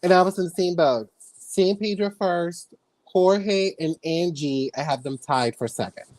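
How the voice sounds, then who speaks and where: A woman from the Dominican Republic in casual chat on a video call, relaxed and hesitant with fillers. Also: fairly low pitch, measured pace, no echo.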